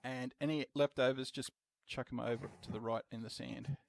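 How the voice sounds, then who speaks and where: A man's voice: medium pitch, fairly even intonation, normal speed, vocal fry, no echo. A man running a tabletop role-playing game as game master, patiently explaining the rules and laughing easily.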